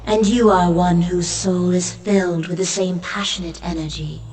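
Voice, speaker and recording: An actress playing a solemn, regal sky goddess of birds in a fantasy game, speaking with stately formality in a goddess voice. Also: female voice, fairly low pitch, fairly even intonation, moderate pace, darkish tone, far from the mic, a little hiss or hum, lightly acted, rough recording. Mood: solemn approval. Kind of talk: scripted fantasy game voice acting.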